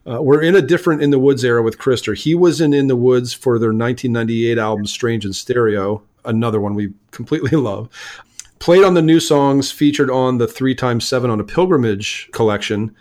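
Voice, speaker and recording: A man's voice: mid-range voice, a little mellow. Enthusiastic man chatting about music. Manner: enthusiastic, stammers and restarts often. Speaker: podcast co-host. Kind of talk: casual music podcast chat.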